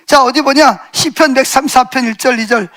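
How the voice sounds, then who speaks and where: A middle-aged male pastor preaching a sermon in a church, telling a personal story with vivid re-enactment, shifting between loud exclaims and hushed asides. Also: very high-pitched, fairly quick. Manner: animated storytelling, shouting re-enacted lines, swings loud to hushed. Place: church sanctuary.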